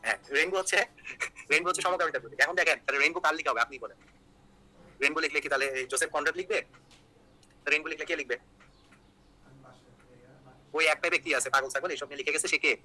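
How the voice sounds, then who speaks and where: A young Bangladeshi man runs an online exam-prep class, talking very fast, cracking jokes and repeatedly asking "ঠিক আছে?" to make sure students are following and to hammer home key points. His voice is bright, tense and a bit higher than most men's. The recording quality is poor.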